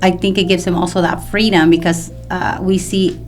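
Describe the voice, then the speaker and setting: Speaking at a normal pace in a low register with little rise or fall, a mortgage loan professional from El Salvador in her fifties chats as a podcast interview guest. She goes into long, conversational explanations over background music.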